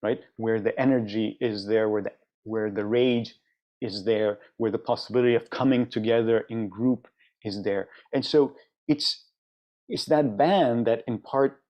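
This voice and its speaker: A man speaking as a panelist in a discussion, thoughtful and halting, with many restarts. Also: on the low side, fairly even intonation, a little mellow.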